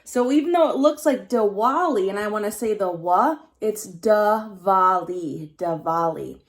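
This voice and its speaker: Reading slightly slowly in a mid-range voice, a female teacher takes young pupils through a picture book. Her phrasing stays simple and explanatory, she emphasizes key words, and she turns to the children now and then to ask them questions.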